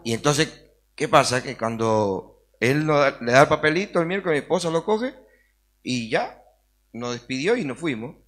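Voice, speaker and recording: A man's voice: on the high side, animated, moderate pace, a bit bright. A man sharing an earnest personal faith testimony as an interview guest, acting out the dialogue as he tells it. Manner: earnest storytelling, acts out dialogue.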